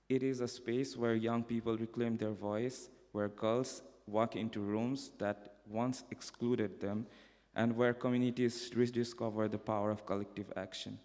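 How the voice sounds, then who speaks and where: A young man from Bangladesh giving a prepared personal testimony at a conference, in a measured, earnest delivery with occasional restarts. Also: mid-range voice, a little mellow. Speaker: conference speaker. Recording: echoey hall reverb.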